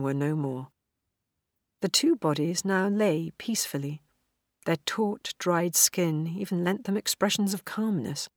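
A woman with a low voice narrates an audiobook in a measured, even way. The recording is dry and close, with almost no room sound. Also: no room sound. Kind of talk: scripted narration.

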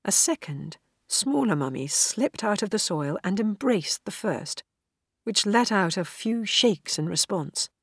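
A woman reading a novel aloud in a measured, even storytelling manner. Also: medium pitch, slightly rough, dry recording, studio quality. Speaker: audiobook narrator. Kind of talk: scripted narration.

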